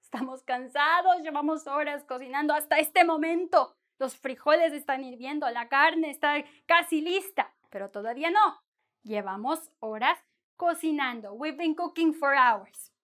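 Bright, unhurried woman teaching Spanish. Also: high-pitched. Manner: playful, animated, drawn-out syllables for practice. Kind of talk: bilingual language lesson.

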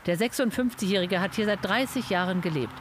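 High-voiced male news narrator. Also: fairly bright tone, slight background noise. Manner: sober, measured delivery. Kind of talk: scripted news voice-over.

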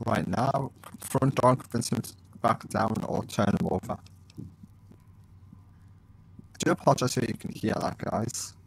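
A man's voice: lowish voice, a little slow, vocal fry, long pauses, a little hiss or hum, low-quality recording. A man hosting a let's play, chatting casually to viewers and reading his dialogue choices aloud. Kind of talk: casual gameplay commentary.

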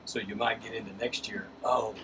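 A man's voice: fairly low pitch, fairly even intonation, moderate pace. A middle-aged man interviewing a coach after a game, encouraging and upbeat, from a press box. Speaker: sports broadcaster interviewing coach. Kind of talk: postgame interview. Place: press box above a lit ballfield at night. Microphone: headset mic. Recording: distant mic with background noise.

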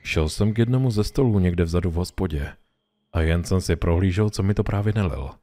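A man reading a horror story aloud in a calm, measured storytelling voice. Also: deep voice. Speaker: narrator. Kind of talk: scripted horror story narration.

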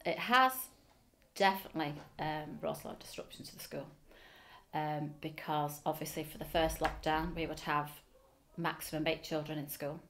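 Sitting facing the camera in a school office, a middle-aged Liverpudlian woman answers oral history interview questions earnestly, with plenty of ums. Her deep voice moves at a moderate pace with a fairly bright tone, and there's a little hiss or hum.

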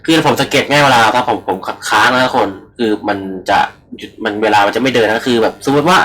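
A man's voice: mid-range voice, a bit bright, low-quality recording. A young man giving rambling, casual let's-play commentary into a computer microphone, swearing freely and talking to his viewers. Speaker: gaming channel host.

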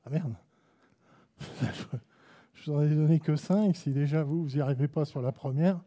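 A French-accented basketball coach runs a live clinic on an indoor court, barking short commands and teasing his players. His voice sits on the high side with a dark tone and a normal pace. The gym hall gives the recording a long echo.

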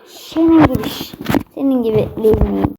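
A woman's voice: on the high side, expressive, normal speed, gravelly. A young woman giving casual commentary on her own gameplay, often frustrated and exclaiming at her teammates. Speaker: gamer. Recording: noisy home recording.

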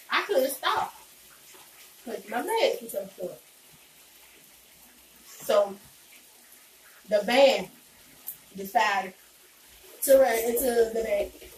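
A young woman chatting casually and playfully while eating, in a home mukbang vlog. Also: on the high side. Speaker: vlogger. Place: indoors, small home room. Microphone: phone camera a few meters away. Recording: distant, echoey, noisy phone-camera recording.

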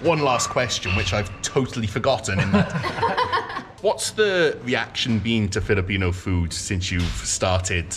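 A man from Wales hosting a casual food vlog, friendly and quick to laugh at his own slips. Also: on the low side, very animated, noisy background. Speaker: vlogger host. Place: indoor restaurant.

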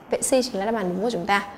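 A woman's voice: medium pitch, dark tone. Woman, patient teacher, explaining exam answers, faint background noise. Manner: patient, checks in with "right?". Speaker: English teacher.

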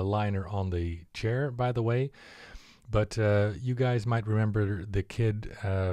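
Man, low, mellow tone; relaxed, filler-heavy product update to his buyers. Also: no room sound. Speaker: collectibles maker presenting a prototype.

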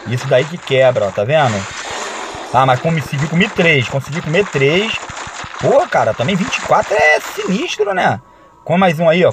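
Excitable Brazilian man calling a game. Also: mid-range voice. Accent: Brazilian Portuguese. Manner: excitable, shouts and chants during action. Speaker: gaming YouTuber. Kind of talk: excited gameplay commentary. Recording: loud game music underneath.

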